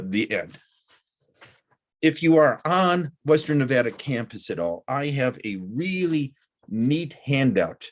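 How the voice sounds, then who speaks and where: A middle-aged man teaching a recorded college lecture, talking deliberately with frequent "uh" fillers. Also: on the low side. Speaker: college instructor.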